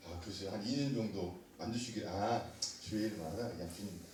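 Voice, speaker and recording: A middle-aged man, a pastor and missionary, preaching a lively sermon, joking and quizzing the congregation with call-and-response questions. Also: lowish voice, moderate pace, slight background noise. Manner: animated, joking, quizzes the congregation, laughs often. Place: church sanctuary. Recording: echoey room, mic at a distance.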